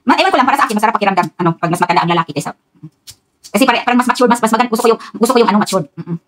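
Filipino lady rambling to her viewers while cooking at home, talks super fast. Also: fairly high pitch, lively intonation, a little hiss or hum. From Philippines. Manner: rambling, talks straight to viewers, frequent laughs. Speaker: vlogger. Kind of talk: chatty cooking vlog monologue. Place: home kitchen.

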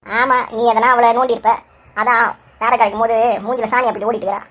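A woman voicing an elderly village man in a cartoon, chatty and quick to scold. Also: a little high, steady tone, background noise, natural voice. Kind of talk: cartoon voice acting.

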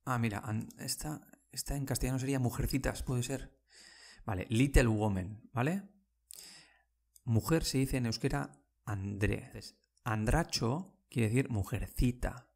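A man's voice: medium pitch, gravelly, a little mellow. A man giving a casual language lesson, explaining words patiently and often checking in with his listeners. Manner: explains slowly, repeating words and checking in with "¿vale?". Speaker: Basque language teacher.

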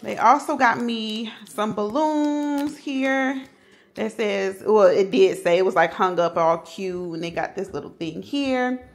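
A woman's voice: medium pitch, a little slow, reverberant. A middle-aged woman chatting casually to her vlog viewers at home and in her car. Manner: chatty, animated, says "y'all" a lot. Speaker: vlogger, mother.

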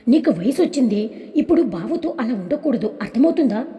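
A woman's voice: a little high, sing-song, a little fast, long reverb tail, highs cut off. A woman voicing a stern grandmother who sharply scolds her granddaughter. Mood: scolding.

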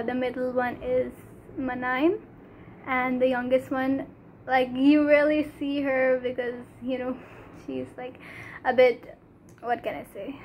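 This is a casual to-camera vlog by a Pakistani teenage girl, a native Urdu speaker with a Pakistani accent in English, filmed on a phone held at arm's length in a small room. Her high-pitched talk is earnest but halting and full of fillers, with a little background noise.

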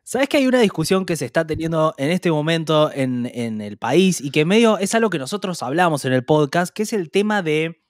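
An Argentine man co-hosting a podcast, chatting casually, often hesitant and trailing off softly. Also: fairly high pitch, lively intonation, a little fast, few pauses, dry recording, clean studio sound. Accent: Argentine Spanish. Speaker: podcast co-host. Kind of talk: casual chat.

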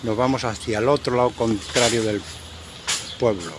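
An older Spanish man in his sixties, a retired sailor, vlogs casually while working on his boat and walking the beach and town, chatting to viewers as he goes. His voice is mid-range at a moderate pace. The outdoor camera audio is noisy.

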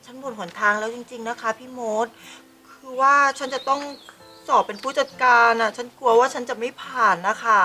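A woman playing an anxious, excitable newly promoted employee who frets and exclaims loudly in an online short drama. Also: on the high side, fairly quick, faint music behind. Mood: pleading. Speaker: new marketing manager.

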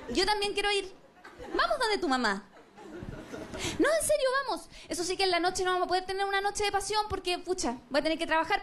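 A Chilean woman with a high, bright voice performs stand-up on a comedy stage, animatedly acting out both partners in her stories. The audience's noise is clearly audible behind her stage mic. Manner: animated storytelling, acting out both sides of a couple.

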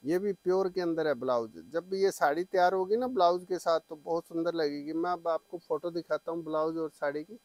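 Eager higher-voiced salesman. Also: brisk, few pauses, darkish tone, no echo. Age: middle-aged. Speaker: saree shop seller and presenter. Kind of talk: sales pitch demonstrating products to camera. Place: small saree shop, indoors. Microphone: clip-on lapel mic.

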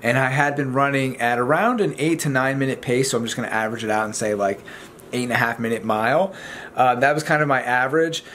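A young man talks to the camera in an informal, chatty vlog style. His voice has a medium pitch, and he explains things casually from a living room, with noticeable background noise. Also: quick pace, a bit bright. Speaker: vlogger. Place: indoors in a home living room.

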